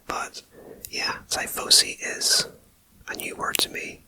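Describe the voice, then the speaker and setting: A fully unvoiced whisper, slow and unhurried, moving between ears on a binaural microphone. This ASMR host reads numbered facts and drifts into relaxed, chatty asides. The delivery stays hushed and intimate throughout. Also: rough recording. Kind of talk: whispered ASMR fact reading. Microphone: binaural ear-to-ear microphone.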